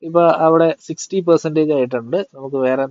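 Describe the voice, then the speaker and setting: A man giving a casual tech tutorial and explaining phone settings, pausing often with fillers. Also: a little high, fairly even intonation, a little mellow, muffled recording. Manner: hesitant, with many fillers.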